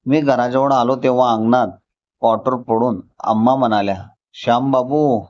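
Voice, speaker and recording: A man narrating a scripted story in a calm, measured reading. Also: medium pitch. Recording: slightly dull lo-fi recording.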